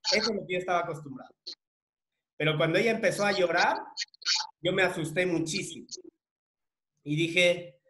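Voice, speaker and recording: A man's voice: sits high, normal speed, pauses often, a bit bright, roomy sound. A man leads a coaching workshop in a rambling, conversational way, with many tag questions and filler words. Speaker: emotional coach leading a workshop. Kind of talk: conversational group talk.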